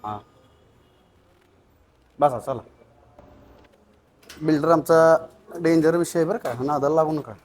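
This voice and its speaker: A man's voice: a little high, takes it slowly, pauses often, a little mellow, slight background noise. A man vlogging at the gym, energetically urging a friend through reps and counting sets. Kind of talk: casual gym vlog coaching. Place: gym indoors.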